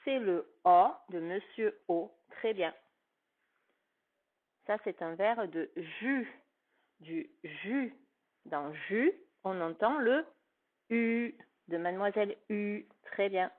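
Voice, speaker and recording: A woman's voice: mid-range voice, slow pace, long pauses. A woman teacher giving a phonics lesson to a young child, with patient, carefully articulated speech. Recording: tinny phone-like sound.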